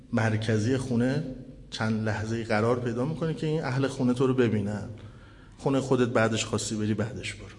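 A man's voice: mid-range voice, darkish tone. A man preaching a sermon, telling a mournful story with heartfelt feeling and speaking straight to his listeners. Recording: long hall reverb, faint background noise.

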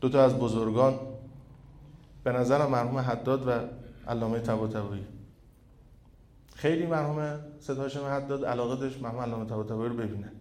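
A male preacher giving a sermon through a microphone, building to loud, fervent peaks and then dropping to a quiet storytelling tone. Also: mid-range voice, pauses often. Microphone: microphone with echo effect. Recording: echoey hall sound.

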